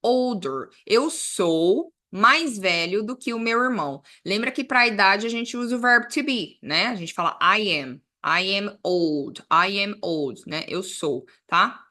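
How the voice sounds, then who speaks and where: A woman's voice: medium pitch, animated, unhurried, hardly any pauses, sharp tone. A woman teaching English grammar, explaining patiently and checking in often with the class. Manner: patient, ends phrases with "tá?". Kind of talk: explaining a lesson.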